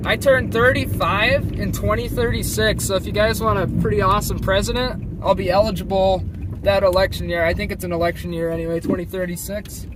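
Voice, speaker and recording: A man's voice: sits high, fairly even intonation, brisk, recorded from a distance, noisy background. A young man in his twenties, a storm chaser chatting casually on a live stream from his car, rambling and joking. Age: 20s. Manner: rambling, joking, sleepy and irritated. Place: in a car on the road.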